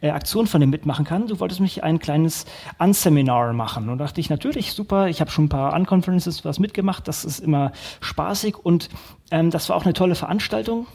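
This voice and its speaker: Podcast-host, redet locker drauf los, knarzig und gedämpft. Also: male voice, on the high side, fairly quick, vocal fry, darkish tone, breathy edge. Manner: casual, rambling with restarts. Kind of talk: casual interview.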